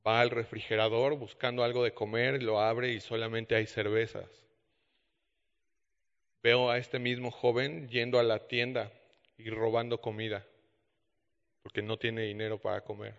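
Male preacher, animated storytelling, roomy hall sound. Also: mid-range voice, moderate pace, vocal fry, pauses often. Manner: animated storytelling with quoted dialogue. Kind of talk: sermon storytelling. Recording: dull echoey hall.

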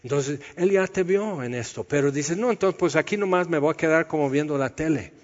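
Higher-voiced preacher in a reverberant hall. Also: male voice, fairly quick. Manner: conversational teaching, explaining verse by verse. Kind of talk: sermon. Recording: dull sound with long hall reverb.

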